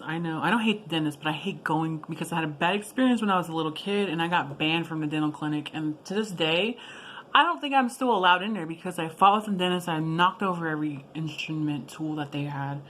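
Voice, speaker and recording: A woman with a slightly low voice tells a personal story in a casual, rambling vlog style. She drops in asides and corrects herself as she goes, with clear background noise behind her. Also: fast, fairly bright tone. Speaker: video blogger.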